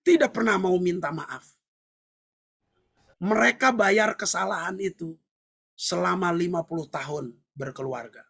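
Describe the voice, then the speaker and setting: Seorang pendeta pria menyampaikan khotbah dengan penuh semangat, sering berseru dan tertawa di sela poin. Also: male voice, high-pitched, a little slow, creaky, long pauses, husky. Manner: animated, shouting and laughing between points. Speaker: pastor. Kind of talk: sermon.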